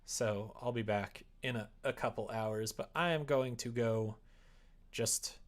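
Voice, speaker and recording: A man livestreams casually while coding a visual novel, talking informally and muttering to himself as he works. His voice is mid-range and a little slow.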